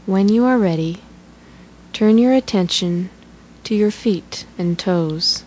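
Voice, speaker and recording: A woman leading a guided relaxation meditation in a slow, soothing, instructional way. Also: mid-range voice, a little mellow, poor audio.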